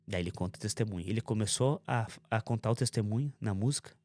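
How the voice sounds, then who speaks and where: A man with a fast, lowish voice shares his testimony in a conversational interview. He tells the story intensely and animatedly, voicing what other people said.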